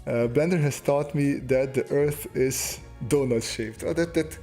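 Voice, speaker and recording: A man's voice: medium pitch, unhurried, dark tone, soft background music. A man chatting casually with viewers while he draws on a livestream, joking and laughing at himself. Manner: joking, self-deprecating, laughs often. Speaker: artist streaming a sketch session.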